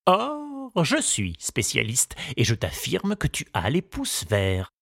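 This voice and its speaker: A man voicing a kindly, wise old male gardener in an audiobook, musing slowly and confidingly. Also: mid-range voice, huge pitch swings, vocal fry, a bit bright, no room sound, studio quality, voice pushed up, heavily acted. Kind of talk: audiobook character reading.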